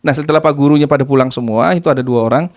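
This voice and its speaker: A man's voice: mid-range voice, very fast. A man casually retelling a story in first person, acting out voices and sound effects as he goes.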